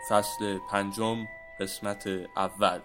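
A man reading opening credits in a slow, formal announcer style. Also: on the low side, little pitch movement. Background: music with mallet percussion.

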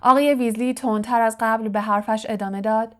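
A woman reading a novel aloud as an audiobook narrator, steady and clear. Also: fairly high pitch. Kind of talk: scripted narration.

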